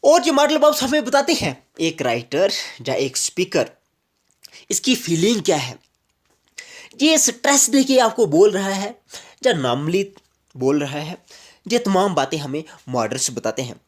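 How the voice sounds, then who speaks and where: A teacher from Jammu and Kashmir gives an explanatory grammar lecture, going over each point slowly and repeating it with English examples. His voice is high-pitched and very animated.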